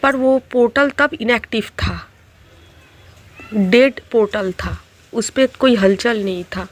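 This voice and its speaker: A middle-aged woman telling a personal story in a halting way, restarting often and mixing in English words. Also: fairly high pitch. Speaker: tarot reader.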